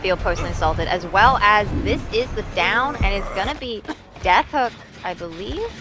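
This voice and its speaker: A woman's voice: mid-range voice, lively intonation, moderate pace, background noise. A woman co-casting an esports match live, chatty and wry, with teasing asides. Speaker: esports co-caster. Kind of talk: live game commentary.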